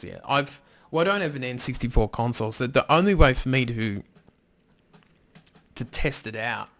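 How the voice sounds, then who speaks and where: Man, mid-pitched voice, casual livestream host, rambling, offhand swearing. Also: gravelly, fairly bright tone. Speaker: livestream host reading chat. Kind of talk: casual live-stream chat.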